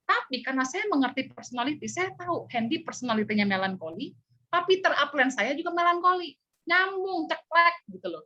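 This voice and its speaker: A woman trainer giving an online personality talk, telling stories in an animated way with playful sound effects. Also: sits high, a little fast. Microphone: video call. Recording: dull lo-fi video call audio.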